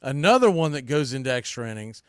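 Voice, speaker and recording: An American man hosts a sports podcast, offering blunt, emphatic, opinionated baseball commentary with mildly salty language. His mid-range voice is sing-song and fast with a clean tone, captured as a dry, clean studio recording.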